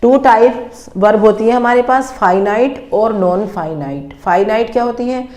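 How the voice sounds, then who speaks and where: Lady teacher, slow careful dictation, mellow tone, echoey room. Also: a little high. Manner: slow, deliberate dictation of English sentences. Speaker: English teacher. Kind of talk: bilingual grammar lesson.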